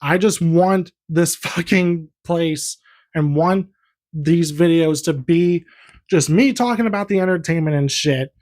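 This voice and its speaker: A man's voice: fairly high pitch, unhurried, darkish tone. A young man giving a heated, profane, rambling movie review in a casual vlog. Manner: heated, profane, repetitive ranting.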